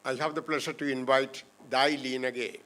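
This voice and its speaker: A man chairs a panel and introduces the next speaker. His voice stays flat and level, and he halts often with filler sounds. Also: mid-range voice, slight background noise. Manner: halting, with many fillers. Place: lecture hall.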